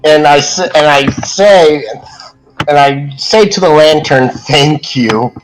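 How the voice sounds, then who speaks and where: Higher-voiced man, halting player. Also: faint music behind, poor audio. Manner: halting, asks rules questions. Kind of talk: tabletop game play.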